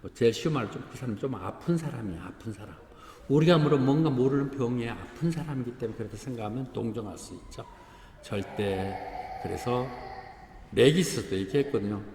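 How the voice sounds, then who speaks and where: Korean pastor preaching in echoey hall. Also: male voice, medium pitch, a little fast, a little mellow, slight background noise. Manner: conversational preaching, breaks into acted dialogue, chuckles at congregation. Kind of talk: sermon. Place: church sanctuary. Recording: echoey church hall, faint ambience.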